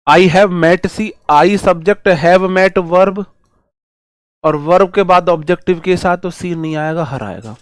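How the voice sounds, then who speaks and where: Slow, dry-voiced male grammar teacher. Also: sits high, clear, resonant tone, no room sound. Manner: drawn-out slow examples, rhetorical questions to students. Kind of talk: classroom lecture in Hindi on exam English.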